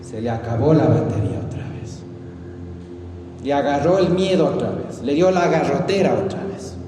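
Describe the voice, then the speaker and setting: A preacher with an Ecuadorian accent gives an emphatic sermon, swinging between loud outbursts and hushed asides. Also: male voice, mid-range voice, expressive, normal speed. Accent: Ecuadorian Spanish. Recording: echoey hall with long reverb and faint noise.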